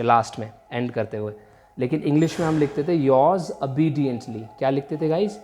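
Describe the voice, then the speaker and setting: In a mid-range, slightly mellow voice, a male English teacher works through vocabulary, moving between Hindi and English. He takes his time explaining and says every word again with care.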